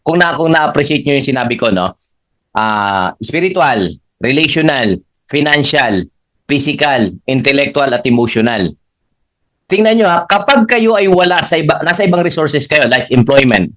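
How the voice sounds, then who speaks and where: A man leading a live motivational training, animated and laughing often, guiding the audience through spoken affirmations. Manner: animated, laughing often, swings pitch up for emphasis. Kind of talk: live training talk, Taglish.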